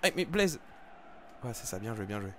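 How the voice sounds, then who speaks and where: A young man giving live commentary over his football video game, with excitable, frustrated outbursts about his bad luck. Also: lowish voice, moderate pace, background noise. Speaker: gaming YouTuber. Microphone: desk microphone.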